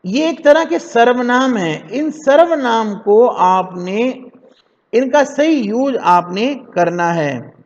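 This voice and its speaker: A man teaching a children's English lesson, saying words slowly so pupils can repeat them after him. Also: very high voice, expressive, in a large hall, muffled recording.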